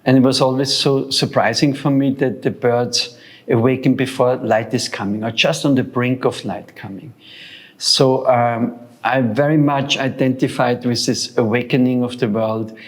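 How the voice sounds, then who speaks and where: An Austrian man in his sixties, founder of a sound center, talks reflectively as an interview guest. He's thoughtful and hesitant, with many fillers and restarts, speaking at a moderate pace in a medium-pitched voice with fairly even intonation.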